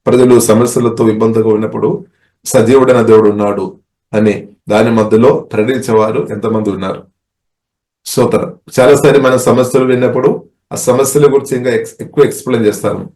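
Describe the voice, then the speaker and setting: A man from India preaching a sermon as a pastor, with a halting delivery full of restarts and filler phrases. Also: mid-range voice, steady tone, darkish tone, roomy sound.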